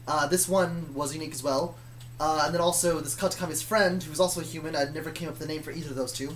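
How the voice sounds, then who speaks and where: A storyteller describes their own fictional universe in a casual, rambling, hesitant way, frequently correcting themselves. The voice is medium-pitched with fairly even intonation and a fast pace, and there is slight background noise.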